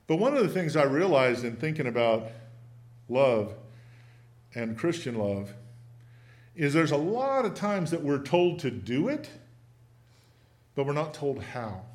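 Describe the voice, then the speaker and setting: In a church sanctuary, a preacher with a big booming voice teaches a lesson, his sermon folksy and conversational. When he reaches scripture, he slows down and reads it with emphasis.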